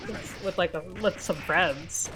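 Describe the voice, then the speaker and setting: A woman's voice: on the low side, a little slow, a bit bright, soft background music. A woman streamer in casual chat while gaming, rambling with many restarts and swearing casually.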